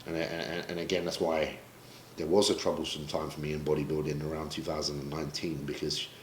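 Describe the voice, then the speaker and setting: Very deep-voiced man, candid and emotional. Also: little pitch movement, a little fast, slight background noise. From Britain. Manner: emotional, reflective, swears casually. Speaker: pro bodybuilder guest. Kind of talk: candid sit-down interview. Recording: roomy echo, faint ambience.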